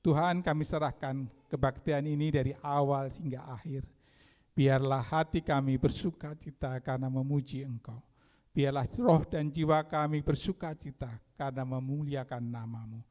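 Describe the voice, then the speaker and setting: A man serving as worship leader, praying earnestly in a measured cadence in a church and then introducing a hymn. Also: medium pitch, steady tone. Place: church sanctuary. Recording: long church hall reverb with music. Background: soft instrumental music.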